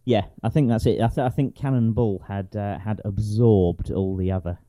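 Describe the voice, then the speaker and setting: A man with a northern English accent co-hosting a comedic podcast chat, talking nonsense in a deadpan way. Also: lowish voice, normal speed, no echo. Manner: deadpan, absurd. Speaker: podcast co-host.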